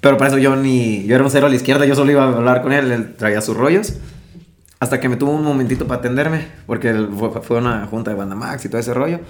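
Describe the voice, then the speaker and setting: A young man with a Mexican accent, a musician guest telling his story in a casual interview, slangy and animated, acting out what others told him. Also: medium pitch, racing. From Mexico, Michoacán. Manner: slangy, animated, acts out quoted dialogue.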